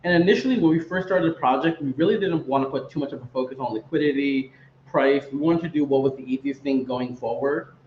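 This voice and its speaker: Fast-talking man in an echoey room. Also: medium pitch. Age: 30s. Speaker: guest, crypto project founder. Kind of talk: casual podcast conversation. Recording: echoey, dull remote audio with faint noise.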